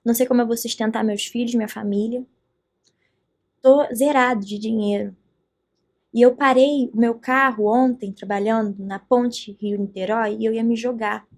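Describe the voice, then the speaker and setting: A man's voice: extremely high pitch, steady tone, normal speed. A woman voicing a desperate man who drives for a ride app, speaking in a heavy, confessional way.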